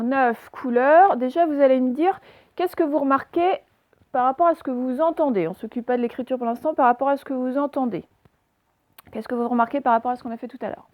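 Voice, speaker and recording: Woman teacher, higher voice, slow careful diction, dry dull recording, asks and answers her own questions. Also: no room sound. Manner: slow, clearly articulated, asks questions and answers them herself. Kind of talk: recorded reading lesson for children.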